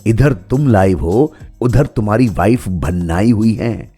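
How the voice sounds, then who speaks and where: A man's voice: lowish voice, unhurried, warm tone, husky, faint music behind. A man voicing a playful, pushy young woman who keeps coaxing her brother-in-law. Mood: whispering. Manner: coaxing, wheedling.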